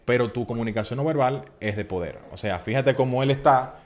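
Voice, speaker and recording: A man, a public speaking coach giving advice in a casual podcast chat, emphatic and animated, acting out little quoted scenes. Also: mid-range voice, fairly quick.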